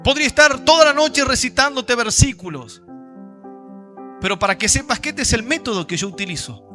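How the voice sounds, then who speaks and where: Preacher guy, super high sharp voice, fiery sermon, quiet music behind. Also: animated, fairly quick. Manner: fervent preaching, quoting scripture, rising to shouts. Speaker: pastor.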